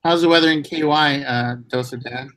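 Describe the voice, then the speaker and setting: Casual male stream host, slightly high voice, halting and easygoing. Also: fairly bright tone, dry recording. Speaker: vlogger hosting a live stream. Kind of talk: casual chat.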